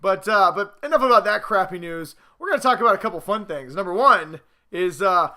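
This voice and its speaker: A man with a high-pitched, forceful, bright voice hosts a casual sports show. He talks in an animated, sarcastic way and slips into mock-exasperated rants as he gives his commentary. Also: a little fast. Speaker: host of a sports picks show.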